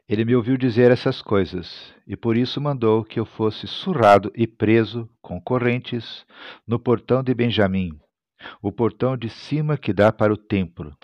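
A man's voice: fairly low pitch, no echo. Male pastor, Bible reading, dramatic delivery, muffled lo-fi sound, dry. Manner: dramatic, rising to loud cries on quoted lines. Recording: dull lo-fi recording, dry.

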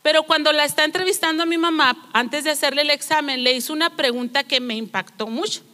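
Brief: woman preacher, high bright voice, earnest sermon, long church reverb. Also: fast talker. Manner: earnest, storytelling, rhetorical questions.

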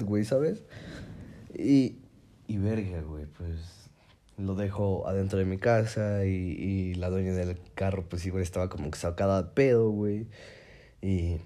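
Young man, Mexican accent, mellow tone, profane slangy storyteller, animated. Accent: Mexican Spanish. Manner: slangy, profane, fillers constantly; animated, pitch jumping when excited. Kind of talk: casual storytelling.

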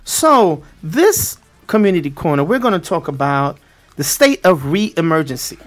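A man with a Brooklyn accent hosting a lively community talk show, speaking colloquially and repeating phrases for emphasis. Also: on the high side, unhurried, faint music behind.

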